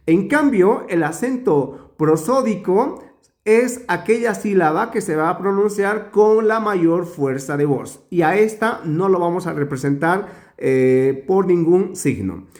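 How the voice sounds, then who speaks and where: This grammar lesson comes from a man with a high, somewhat mellow voice who speaks slowly and with emphasis, drawing out words to reveal their stress.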